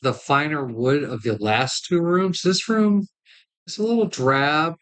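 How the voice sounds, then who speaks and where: A game master with a medium-pitched voice narrates a tabletop role-playing game. The delivery is that of live play, setting scenes and calling for rolls. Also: expressive, unhurried, fairly bright tone. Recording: livestream group game session.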